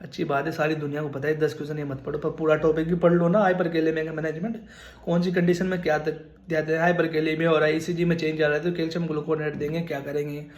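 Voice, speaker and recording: A man's voice: on the high side, little pitch movement, fast talker, reverberant. Earnest young man giving exam advice. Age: 20s. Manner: earnest, repetitive, addresses viewers as brother. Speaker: nursing exam mentor. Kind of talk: casual advice talk to camera.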